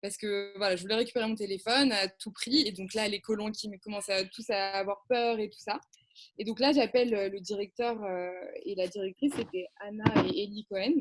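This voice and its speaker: A woman's voice: medium pitch, fairly even intonation, a little fast. A young woman, a camp counselor, telling an anecdote as a guest on a radio show, hesitating often and laughing at herself. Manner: hesitant, many fillers and restarts, laughs at herself.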